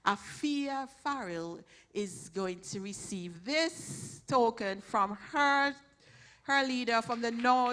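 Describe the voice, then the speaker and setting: Bright-voiced woman giving church thanks. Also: fairly high pitch, slight background noise. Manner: warm thanking, chatty, many restarts. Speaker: church program leader. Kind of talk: church announcements. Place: church hall.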